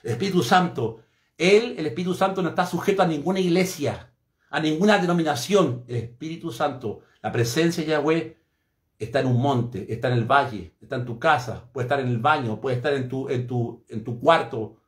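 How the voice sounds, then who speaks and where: A man's voice: fairly high pitch, normal speed, reverberant. A man preaching a sermon fervently and emphatically, repeating phrases for effect.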